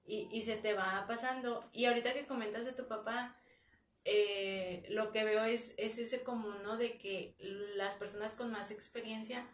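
Calm Mexican woman explaining as psychologist. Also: fairly high pitch, unhurried. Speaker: psychologist guest. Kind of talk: casual chat. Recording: echoey room, somewhat far from mic, faint noise.

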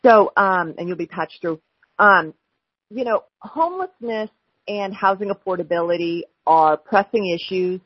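An American woman speaking as a candidate hosting a live telephone town hall, with a halting delivery full of hesitations, over a phone. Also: medium pitch, expressive, slightly rough. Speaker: city council member running for mayor, hosting a town hall. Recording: dull, lo-fi telephone line.

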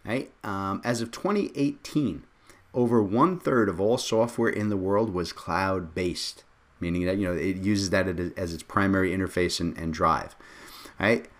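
A man co-hosting a podcast in casual discussion, lively and joking, often tagging his points with questions. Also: lowish voice. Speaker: podcast co-host.

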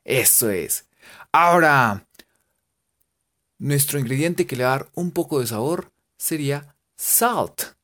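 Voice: mid-range voice, animated, takes it slowly, fairly bright tone. A teacher with a Colombian Spanish accent, playfully spelling out English cooking words letter by letter and making jokes. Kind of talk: spelling out vocabulary in a casual lesson.

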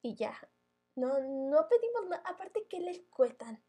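High-voiced, mellow Mexican woman. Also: very animated, a little slow. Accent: Mexican Spanish. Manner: blunt, heavy slang and swearing. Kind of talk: casual chat.

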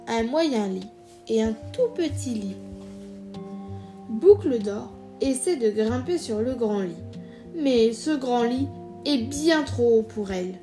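A woman reading a children's storybook aloud in a clear, expressive way. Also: on the high side.

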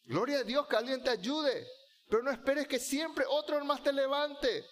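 A man's voice: very high-pitched, normal speed, fairly bright tone. A male pastor, preaching a fervent sermon, repeating key phrases and leading the congregation to repeat lines after him.

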